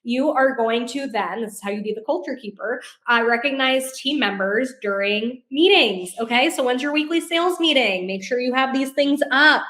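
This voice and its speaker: A woman's voice: sits high, lively intonation, moderate pace, hardly any pauses, a bit bright, echoey room. A woman co-hosting a training podcast, talking conversationally and encouragingly, straight to her listeners. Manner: encouraging, directly addressing listeners. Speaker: co-host of a real estate business training podcast. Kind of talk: conversational instructional talk.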